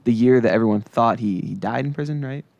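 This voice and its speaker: A man's voice: medium pitch, fast, vocal fry, a little mellow, lo-fi sound, a little hiss or hum. A young man co-hosting a casual podcast, blunt and teasing. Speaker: podcast co-host.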